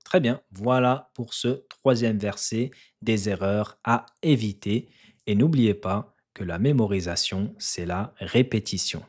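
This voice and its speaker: A man teaching a recitation lesson, who patiently repeats syllables and chants verses louder for learners to echo. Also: fairly low pitch, measured pace, slightly rough. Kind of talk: slow tajwid lesson with recitation.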